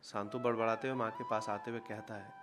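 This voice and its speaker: A man narrating a children's story in an expressive storytelling style, with music behind. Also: fairly low pitch, a little fast, noisy background.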